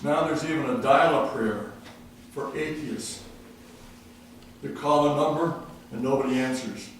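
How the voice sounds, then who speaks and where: A man's voice: medium pitch, unhurried. An older man giving an earnest, patriotic public comment at a city council meeting. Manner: earnest, patriotic, tells jokes. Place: council chamber. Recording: very echoey room, distant mic, faint noise.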